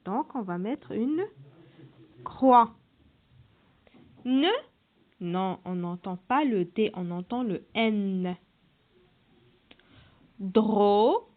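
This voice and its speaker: A woman's voice: medium pitch, lively intonation, slow. A woman teacher leading a reading lesson for children, sounding out syllables one by one and repeating each instruction. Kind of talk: slow classroom reading lesson. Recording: tinny phone-like audio.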